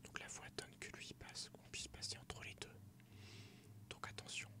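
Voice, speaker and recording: A young man whispering ASMR game commentary softly and close, right in the listener's ear. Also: normal speed. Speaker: game streamer. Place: small room at home, indoors.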